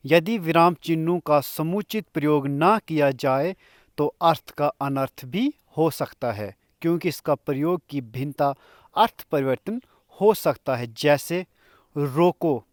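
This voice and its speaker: A man teaching a grammar lesson in a slow, explanatory way, pausing between examples and coughing now and then. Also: a little high, dry recording, studio quality.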